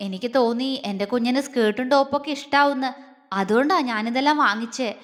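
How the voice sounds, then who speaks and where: Woman reading as a soft coaxing older guy in a storybook, highish voice, lots of reverb. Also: quick pace, close to an everyday voice. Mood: tender. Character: tender, doting older man, lover. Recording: long reverb.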